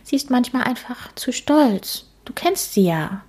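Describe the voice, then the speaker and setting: A woman's voice: on the high side, lively intonation, unhurried, a little mellow, slightly rough, voice pushed up. A woman voicing a whiny, weary ghost lady. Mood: plaintive. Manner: whiny, plaintive. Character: sad, tired female ghost, polite and whiny. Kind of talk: storybook reading.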